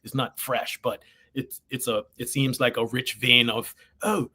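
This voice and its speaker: A man's voice: medium pitch, level tone, measured pace, sharp tone, slight background noise. A man from Bermuda with a Bermudian accent, an actor chatting as an interview guest and acting out bits of quoted dialogue as he tells stories. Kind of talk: casual conversational interview, anecdotal.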